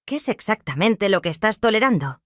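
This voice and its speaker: Narrator putting on a defiant young stepson, tense and angry, dry sound. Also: male voice, sits high, very animated, a little fast, no echo, voice pushed up.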